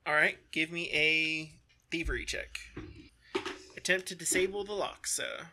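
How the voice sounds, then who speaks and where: A man narrating as game master, describing scenes in a relaxed, halting way with many fillers. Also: on the high side, noisy background.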